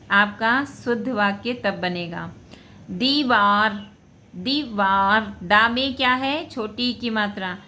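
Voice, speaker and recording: In a bright, slightly high voice, a woman who teaches Hindi gives school students a spelling lesson, moving through the corrections very slowly. Each word gets named and repeated at a slow pace before she says what's wrong with it.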